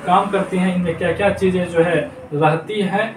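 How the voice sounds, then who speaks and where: A man teaching children in a high voice, saying each term again and again so it sticks. He sounds set back from the mic in a room that rings with echo, and faint noise sits behind him. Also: steady tone, a little fast, distant mic. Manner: repetitive, drills terms aloud. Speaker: Hindi grammar teacher. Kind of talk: classroom lesson to children. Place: noisy room.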